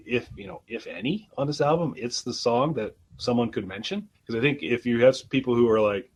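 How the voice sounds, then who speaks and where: Husky-voiced man reviewing albums. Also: mid-range voice, poor audio. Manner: hesitant, many restarts and fillers. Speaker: podcast co-host. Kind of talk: casual album review chat.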